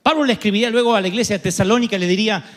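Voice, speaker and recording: A man with an Argentine accent, a pastor preaching a sermon, telling stories with sudden shouts and humor. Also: high-pitched, very fast. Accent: Argentine Spanish. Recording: long reverb of a large hall.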